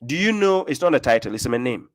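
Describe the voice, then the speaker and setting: A man's voice: mid-range voice, sing-song, fast. Guy running a call-in debate stream, keeps pushing the caller, cuts in a lot. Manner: pressing, interrupts the caller with repeated questions. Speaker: live-stream call-in host. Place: Europe.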